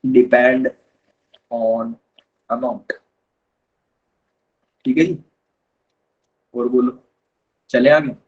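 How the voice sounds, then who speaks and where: A man's voice: mid-range voice, steady tone, drawn-out words, pauses often, husky, muffled recording. A man teaching a live online chemistry lesson, patiently explaining step by step and calling his students kids.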